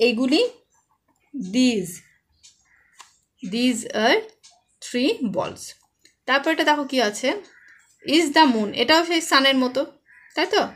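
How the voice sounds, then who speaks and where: A woman teacher with a high voice and a West Bengal Bengali accent walks young pupils through an English lesson. She talks patiently, poses a question, then gives the answer herself. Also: lively intonation, slow, long pauses, fairly bright tone. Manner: patient, asks and answers her own questions. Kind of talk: explaining a children's English lesson.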